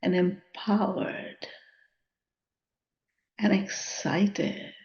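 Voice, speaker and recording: At an unhurried pace, a woman leads a spiritual meditation in a mellow, relaxed, mid-range voice with a gravelly edge. She's contemplative, leaving long pauses between short phrases, and the recording comes across somewhat dull and lo-fi.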